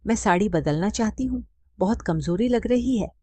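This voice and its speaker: A woman's voice: medium pitch, expressive, normal speed, mellow, no echo, voice pushed up, lightly acted. A woman voicing a grieving, weak middle-aged widow who speaks tearfully to her son. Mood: pleading. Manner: tearful, pleading.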